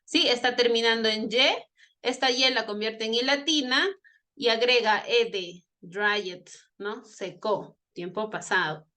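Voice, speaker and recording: A Spanish-speaking woman teaches an online English grammar class, her voice slightly high, a bit slow, pushed and bright. She explains patiently, repeats herself, and keeps checking in with her students.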